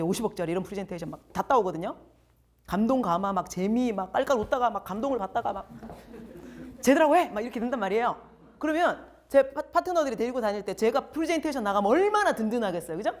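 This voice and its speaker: A middle-aged woman coach giving a lively lecture in a large hall, acting out quoted people and firing questions at her audience. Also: fairly high pitch, quick pace. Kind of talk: lively lecture to young adults.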